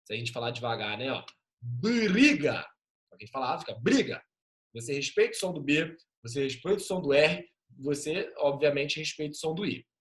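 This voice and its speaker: A man's voice: medium pitch, expressive, a bit bright. A male teacher giving an online class over a video call, patiently sounding out letters and syllables. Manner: patient, drawn-out spelling of sounds.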